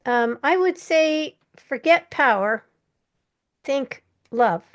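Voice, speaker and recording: Older woman, podcast guest, slightly high voice, direct and plainspoken. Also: expressive, slow pace, a bit bright, highs cut off. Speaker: interview guest, marketing leader. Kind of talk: casual interview chat.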